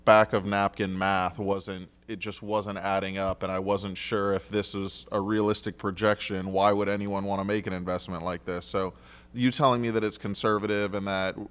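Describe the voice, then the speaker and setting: A man with a slightly low, smooth and clear voice asks careful questions as a city council member. He is polite and halting, restarting his sentences as he works things out. He speaks into a desk microphone in a council chamber. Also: fairly even intonation.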